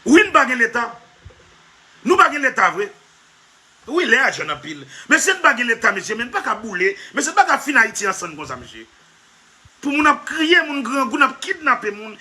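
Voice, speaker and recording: A man's voice: very high voice, big pitch swings, fairly quick, pushed and bright. A man giving a comic monologue, emphatic and repetitive, often half-laughing as he talks. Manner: emphatic, repetitive, keeps addressing "monsieur". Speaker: comedy vlogger.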